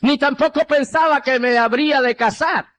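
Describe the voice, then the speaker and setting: An older man from Rico, preaching an impassioned testimony sermon and dropping low on quoted replies. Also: moderate pace, a bit bright. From Puerto Rico.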